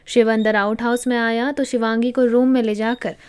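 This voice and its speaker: A woman's voice: a little high, level tone, normal speed, darkish tone, clean tone. A woman narrating a romantic story in a scripted, dramatic storytelling manner.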